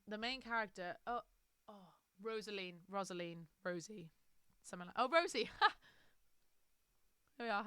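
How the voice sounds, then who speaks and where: Casting: British woman streamer, rambling chatty book talk, smooth, dry close sound. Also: mid-range voice, pushed and bright, no echo. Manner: rambling, chatty, filler-heavy. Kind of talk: casual book review chat.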